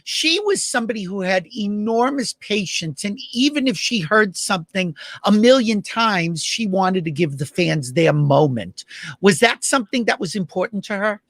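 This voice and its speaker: A man's voice: sits high, animated, moderate pace, fairly bright tone, no echo, clean studio sound. A man hosting a casual interview in a chatty, playful, gossipy way. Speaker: talk show host.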